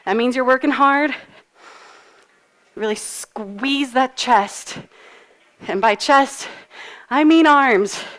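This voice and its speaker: A woman's voice: high-pitched, takes it slowly, pauses often, a bit bright. Breathless upbeat woman fitness coach. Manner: upbeat, encouraging, cues moves while exercising. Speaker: fitness instructor. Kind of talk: live workout coaching with countdowns. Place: fitness studio.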